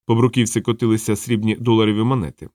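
A man reading a novel aloud in a lively, conversational storytelling manner. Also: fairly low pitch, fast, no echo, clean studio sound. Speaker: audiobook narrator. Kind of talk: storytelling narration.

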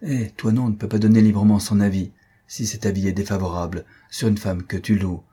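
A man reading an audiobook, voicing a stern, sharp-tongued old dowager countess in a tart, dismissive manner. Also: fairly low pitch, steady tone, brisk, husky.

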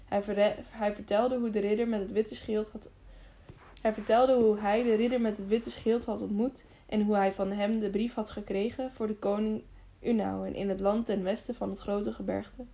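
A woman narrating an audiobook in a steady reading voice, sometimes restarting a word. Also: medium pitch, moderate pace, creaky.

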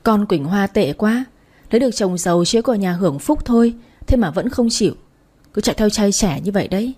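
A woman's voice: medium pitch, expressive, fairly quick, warm tone, close to an everyday voice. A woman voicing scornful gossiping neighborhood women who talk in a sneering way.

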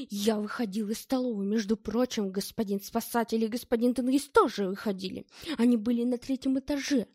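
A woman reading an audiobook, voicing a panicky, indignant male official who protests loudly and shrilly. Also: high voice, dry recording, clean studio sound, pitched above the performer's own voice.

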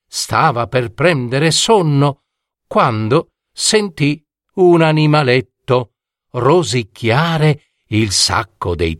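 A man telling a fairy tale slowly and dramatically. His voice rises and falls widely, lingering on each phrase. The recording is dry and close. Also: mid-range voice, dry recording. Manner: slow, expressive, dramatic. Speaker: storyteller.

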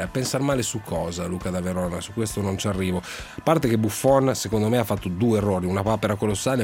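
A man with a voice hoarse from a cold, hosting a football call-in in a halting, searching way. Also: on the low side. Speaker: radio sports call-in host. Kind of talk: live football talk with callers.

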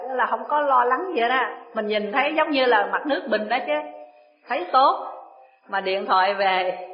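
A Buddhist woman teacher, giving a dharma talk in a chatty storytelling manner. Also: on the high side. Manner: chatty storytelling, laughs often. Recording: echoey room, dull lo-fi sound.

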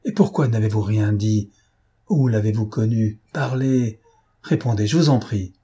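A male audiobook reader voicing a gentleman thief, pressing with urgent, rising questions. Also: on the low side, a little slow, breathy edge. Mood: agitated. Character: gentleman thief, agitated and pleading man. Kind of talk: audiobook character voice.

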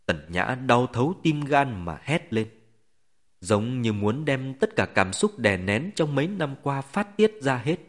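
A man narrating a web novel as an audiobook, with expressive storytelling. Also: mid-range voice.

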